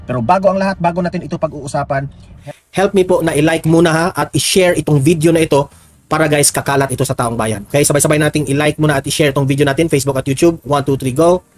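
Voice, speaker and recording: A man's voice: a little high, fairly even intonation, quick pace, dry recording. A Filipino man giving heated, mocking political commentary as a news vlogger, urging viewers to like and share. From Philippines.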